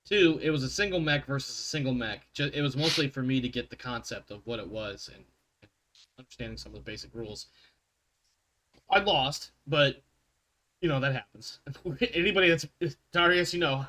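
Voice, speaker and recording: A man's voice: mid-range voice, fairly quick. A man hosting as game master in casual, sweary group banter, often interrupting himself. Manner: sweary, self-interrupting, animated. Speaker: game master and show host.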